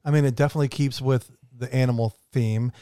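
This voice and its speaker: A man's voice: medium pitch, fast talker, clean tone, no echo, studio quality. Jokey man leading a podcast chat. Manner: lively, jokey, reacting and leading. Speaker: podcast host. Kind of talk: casual chat.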